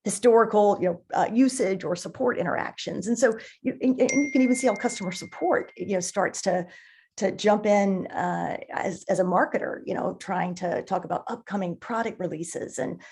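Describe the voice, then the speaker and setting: A woman with a mid-range, slightly mellow, husky voice is an interview guest on a marketing podcast. Her explanations are conversational and enthusiastic, though she haltingly repeats words as she thinks.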